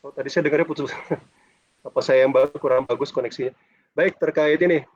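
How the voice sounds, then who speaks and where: A man's voice: on the high side, steady tone, brisk, breathy edge, no room sound. A man lecturing a university class over a video call with a dull, choppy connection, chatty and ending phrases with a questioning "ya". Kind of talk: casual online class lecture.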